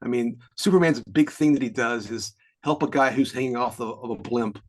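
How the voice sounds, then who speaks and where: This podcast co-host, a man in his fifties, has a mid-range voice and talks a little fast. He chats casually, rambling and explaining things, with frequent chuckles.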